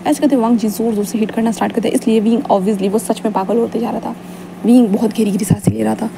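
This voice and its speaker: A woman's voice: on the high side, fairly even intonation, fast, vocal fry, noisy background. A woman casually narrating a fan fiction story in a chatty, informal way. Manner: chatty, informal, many restarts and fillers.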